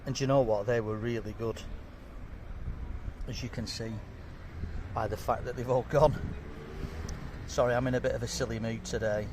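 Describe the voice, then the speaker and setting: A chatty, jokey man reviews fish and chips to camera from an outdoor table, his voice sitting at a middle pitch. Faint street and traffic noise hums behind him. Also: fairly even intonation, moderate pace, pauses often. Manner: chatty, jokey, talks while eating. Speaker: food vlogger. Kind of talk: casual food review to camera.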